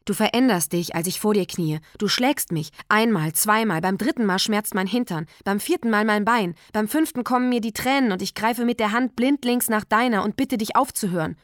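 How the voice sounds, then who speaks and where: A woman narrating a literary text in a quiet, measured, intimate way. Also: mid-range voice, no echo, studio quality. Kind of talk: literary reading.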